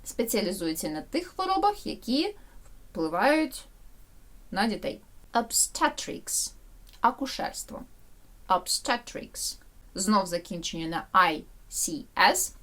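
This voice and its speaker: Female teacher, very lively intonation, slow careful repetition of English vocabulary. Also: medium pitch. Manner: explains in Ukrainian, repeats English words slowly for pronunciation. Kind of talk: bilingual vocabulary lesson.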